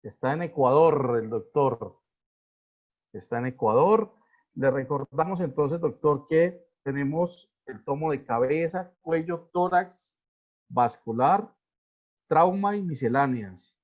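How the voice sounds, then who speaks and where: A man's voice: fairly high pitch, slow pace, dull audio. A man moderating a video-call webinar, hesitant, with many fillers and restarts. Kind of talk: hosting a live video webinar.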